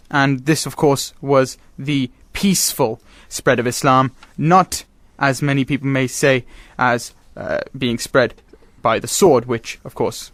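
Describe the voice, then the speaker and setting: A man hosting a radio talk show, recapping and asking questions in a measured way. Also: medium pitch, fairly bright tone, no echo. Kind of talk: radio discussion.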